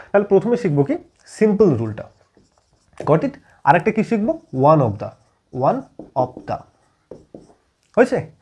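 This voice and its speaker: Animated, husky-voiced male grammar teacher. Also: a little high. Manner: constantly checks understanding with quick questions. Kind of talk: classroom-style video lesson.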